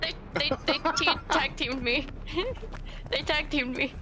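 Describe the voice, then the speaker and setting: A woman chatting casually while playing a video game with friends, playful and quick to exclaim and swear. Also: sits high, music in the background. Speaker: video game player in a group stream. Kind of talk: casual gaming chat with friends.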